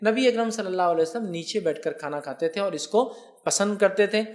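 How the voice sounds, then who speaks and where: Man explaining religious questions. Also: sits high. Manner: explanatory, often checks that listeners follow. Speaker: Islamic scholar answering viewer questions. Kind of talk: religious question-and-answer lecture.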